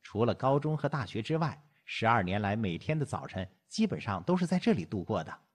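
Easygoing young man in an audiobook, joking, husky voice; male reader. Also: lowish voice, very animated, fairly quick. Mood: teasing. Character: young man, cheeky official.

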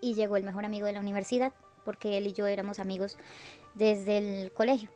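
A woman's voice: mid-range voice, little pitch movement, fast talker, dark tone, soft background music. A woman tells a personal story in a conversational way, with restarts and repeated phrases. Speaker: guest giving a testimony.

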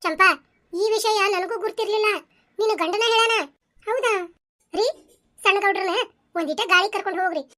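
A woman voicing a headstrong, scheming young village lady in a cartoon, petulant and sharp-tongued, with a North Karnataka Kannada accent. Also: very high voice, normal speed, pauses often. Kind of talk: cartoon voice acting.

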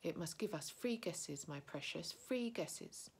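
A slimy little cave creature hisses and wheedles, sly and grasping, his voice low and thick with breath, as a woman reads him aloud. He keeps whining over his precious with a sly, grasping edge. A storybook figure told at a reading. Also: expressive, a little slow, gravelly, slightly rough, full character voice. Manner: hissing, wheedling, repeats "my precious".

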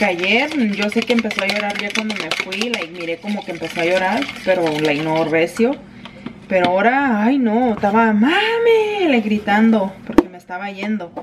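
A woman's voice: mid-range voice, background noise. Chatty vlogger woman, mix. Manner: chatty, mixes English fillers into Spanish. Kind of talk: casual vlog chat. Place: home kitchen.

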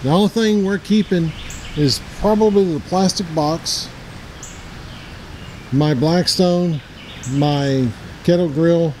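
A man in his forties from Middle Tennessee hosts an outdoors channel and gives a rambling, plainspoken backyard tour on a handheld camera outdoors, correcting himself as he talks in this casual vlog. His fairly high, slightly mellow voice takes it slowly and pauses often. There's slight background noise and the audio is poor.

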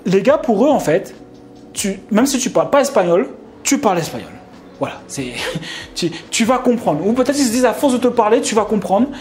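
A young Frenchman telling a casual vlog story, rambling with many fillers and restarts and sudden animated outbursts. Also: sits high, brisk, faint music behind. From France. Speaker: vlogger.

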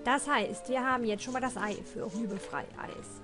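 A woman's voice: on the high side, normal speed. A woman giving casual gameplay commentary as a let's play host. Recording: game audio and music behind.

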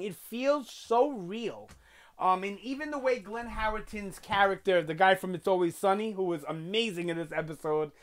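Speaking in a high voice, a young guy from New York hosts a casual TV review video from a small bedroom with collectibles on its shelves. He's animated and loose, gestures a great deal, and his chatter is full of "um" and "you know," picked up with a webcam sound.

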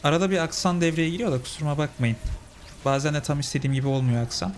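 A man's voice: a little high, steady tone, rapid-fire, slight background noise. A young man giving casual let's-play commentary, chatting with his viewers as friends. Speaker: gaming channel host.

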